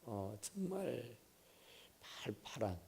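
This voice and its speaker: A man preaches in a church, moving at an unhurried pace. His voice is mellow and a little husky. It rises and falls in a lively way, with sudden loud bursts and hushed asides as he tells his story. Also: mid-range voice. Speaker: pastor. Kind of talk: sermon. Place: church sanctuary.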